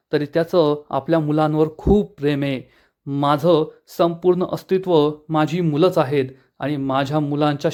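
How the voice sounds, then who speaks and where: A man's voice: on the high side, darkish tone, lightly acted. A man voicing a fierce, protective father who is a powerful lawyer, speaking in a stern, threatening manner.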